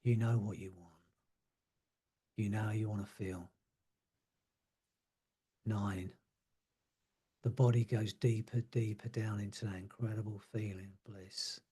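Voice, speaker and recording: A man leading a guided hypnosis relaxation, speaking slowly and soothingly and letting his words trail off softly. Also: lowish voice, fairly even intonation, husky. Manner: slow, soothing, drawn-out phrasing with soft trailing words.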